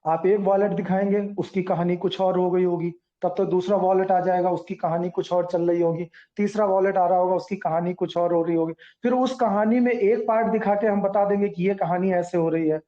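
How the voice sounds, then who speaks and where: A man's voice: high voice, fairly even intonation, fairly quick, few pauses, lo-fi sound. A man speaking earnestly at a community meeting, explaining points at length and reassuring listeners, in a repetitive way.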